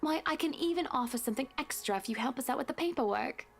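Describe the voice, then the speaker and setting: A woman's voice: high voice, expressive, fast talker, vocal fry, soft background music, pitched above the performer's own voice. Lady doing a sugary stuck-up rich woman, talks down to everyone. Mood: condescending. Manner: sweetly condescending, drawling.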